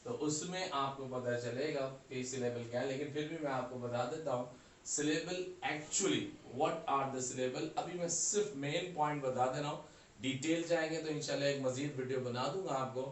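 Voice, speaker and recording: A man with a medium-pitched voice gives a classroom grammar lecture in English, spelling words out letter by letter and making sure students follow. He's far from the mic in an echoey room, with faint ambience and slight background noise.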